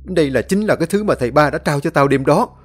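A man voicing an earnest, righteous young male disciple who speaks loudly and pleadingly in a raised, higher voice. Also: expressive, quick pace, husky, soft background music.

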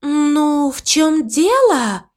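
A kindly mother cow who wonders about everything, her voice lifted high above the narrator's own, as a woman puts her on. She speaks slowly and warmly, with lots of lilt in every line. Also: big pitch swings, exaggerated voice. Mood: wondering. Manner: wondering, soft-hearted. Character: gentle curious mother cow.

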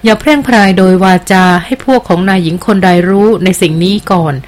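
A woman's voice: medium pitch, expressive, a little fast, lightly acted. A woman reading aloud as a loyal jungle queen who speaks with earnest, deferential respect in an audiobook.

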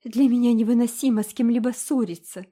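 Woman putting on a high tremulous fretful mother. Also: fairly even intonation, brisk, warm tone, slightly rough. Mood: tearful, reproachful. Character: tearful, fretful middle-aged mother, pleading.

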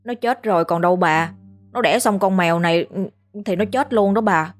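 A woman's voice: fairly low pitch, normal speed, soft background music, natural voice. A woman voicing a frightened young village man who stammers in panic. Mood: uneasy.

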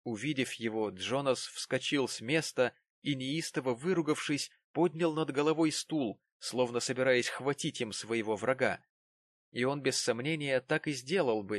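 A male narrator reading a classic novel in a measured storytelling way. His voice sits mid-range for a man. The recording is close and dry. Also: medium pitch, no echo. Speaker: audiobook narrator.

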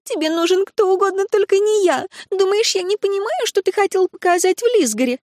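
A woman's voice: very high-pitched, expressive, fairly quick, a little mellow, no room sound, studio quality, voice pushed up. A woman voicing a fiery, indignant young noblewoman who shrieks in outrage. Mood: furious.

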